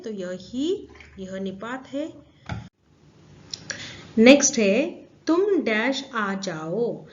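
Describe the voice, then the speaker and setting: A woman with a fairly high voice teaches grammar to children, taking her time. She repeats each example sentence and leans on the key words. The audio is dull and lo-fi. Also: a little mellow.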